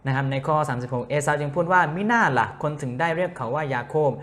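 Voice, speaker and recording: A man interprets a sermon live, reading scripture and relaying what the preacher says. He hesitates often and fills the pauses as he finds his words, at a steady mid pitch. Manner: hesitant, many filler sounds. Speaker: church interpreter.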